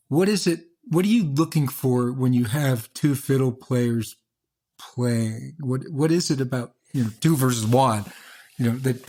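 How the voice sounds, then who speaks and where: A man hosts a music interview, asking curious, searching questions. His voice sits at a middle pitch and he feels his way through each question. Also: darkish tone. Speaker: interviewer host.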